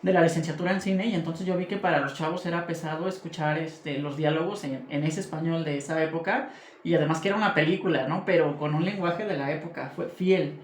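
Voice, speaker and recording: A man's voice: fairly high pitch, quick pace, a little hiss or hum. A man moderating a discussion, conversational and often checking for agreement. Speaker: moderator and literature teacher. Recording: echoey room.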